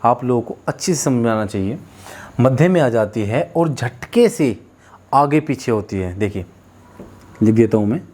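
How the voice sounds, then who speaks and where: A man's voice: medium pitch, animated, moderate pace, darkish tone, a little hiss or hum. A man teaching a Hindi lesson, repeating sounds and explanations and asking students to say them with him. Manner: repetitive, drills sounds aloud for students; addresses viewers as children and friends. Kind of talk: classroom lesson on pronunciation.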